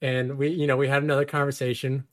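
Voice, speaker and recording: Speaking fast at a medium pitch with little pitch movement, this guest in his thirties shares a personal story casually, wry and self-mocking, laughing often.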